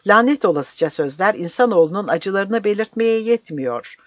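A narrator voicing a weeping, bitter old man who shouts in anguish. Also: medium pitch, big pitch swings, quick pace, no echo, lo-fi sound.

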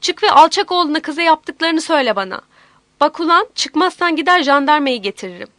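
A woman's voice: high-pitched, lively intonation, quick pace, a bit bright, no room sound. A woman voicing a tough, foul-mouthed village aunt who bellows and curses while protecting a girl. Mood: outraged. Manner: cursing, bellowing.

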